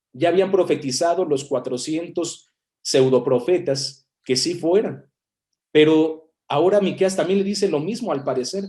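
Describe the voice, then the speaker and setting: A man's voice: on the high side, warm tone. A man preaching a sermon as a minister, explaining a Bible passage and reading verses aloud, with a Mexican Spanish accent.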